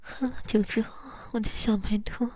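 A woman's voice: a little high, steady tone, moderate pace, very noisy, close to an everyday voice. A woman in a whispered role-play, voicing a jealous, possessive young lover who scolds and then coaxes close to the ear. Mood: sweet coaxing.

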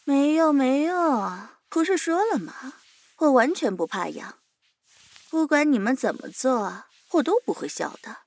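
A woman's voice: high voice, big pitch swings, unhurried, a little mellow, dry recording, full character voice. A woman voicing a fearless, smug young captive who teases her interrogator and calls herself big sister, in an audio drama.

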